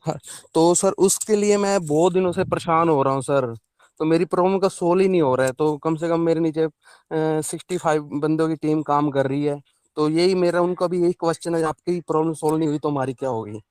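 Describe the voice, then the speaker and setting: A male caller with a fairly high, smooth voice comes through a bad call connection that keeps cutting in and out. He sounds worried and anxious. He keeps saying hello over the dropouts, and the sound is dry and close. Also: a little fast, a little mellow, no room sound. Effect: choppy call audio breaking up. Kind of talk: live call-in question. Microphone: phone or online call.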